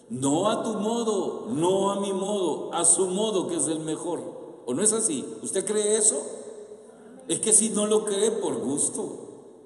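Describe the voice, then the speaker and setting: Male preacher, Salvadoran accent, expressive sermon delivery, roomy echoey hall. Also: high-pitched. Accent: Salvadoran Spanish. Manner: animated preaching, rhetorical questions to the audience. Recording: echoey hall with long reverb.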